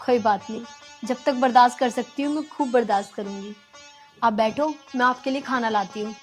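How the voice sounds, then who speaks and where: Casting: actress as a gentle pleading daughter-in-law, high voice, faint music. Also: female voice, normal speed, close to an everyday voice. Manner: pleading, earnest. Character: patient, dutiful young village daughter-in-law.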